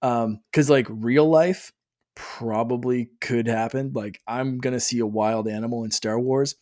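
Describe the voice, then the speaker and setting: A man's voice: mid-range voice, steady tone, a little slow, darkish tone. A man hosting a podcast, chatting casually and laughing often. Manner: chatty, laughs often, acts out quoted voices. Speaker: podcast host. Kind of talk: casual chat.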